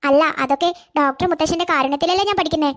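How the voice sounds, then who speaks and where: A meek, stammering cartoon schoolgirl in her early teens, voiced by a woman. Her voice sits very high and the words tumble out quickly. She sounds timid and easily brought to tears. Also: natural voice. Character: poor, timid schoolgirl in eighth grade. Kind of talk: cartoon voice acting.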